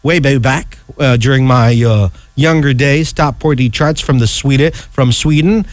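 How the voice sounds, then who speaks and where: A middle-aged man with a medium-pitched voice hosts a radio chart countdown, ad-libbing casually in a rambling, halting way and frequently checking in with "okay." His close, dry voice has no room sound, with music playing behind it.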